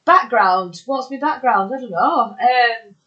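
A woman's voice: fairly high pitch, animated, a little slow, sharp tone, lo-fi sound. Chatty Bolton woman in her thirties. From Bolton, England. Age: 30s. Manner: chatty, self-deprecating, laughs easily. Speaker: podcast guest. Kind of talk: casual interview chat.

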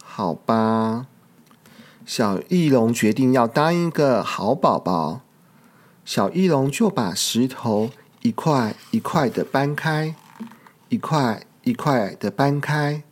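Children's storyteller, picture-book reading, slow, gentle, expressive. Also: mid-range voice.

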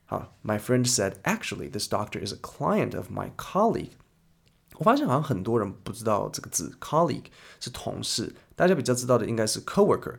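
A man hosts an English lesson podcast. He explains words in a chatty, lively way. His voice sits low and has a gravelly, fry-heavy texture. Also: a little fast. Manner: lively, chatty explainer who switches into English example sentences. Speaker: English teacher and podcast host.

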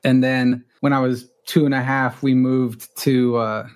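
A middle-aged man from Los Angeles, whose first language was Spanish, tells his own story as a guest, candid and self-deprecating, with frequent restarts. His medium-pitched voice is flat, unhurried and a little mellow.

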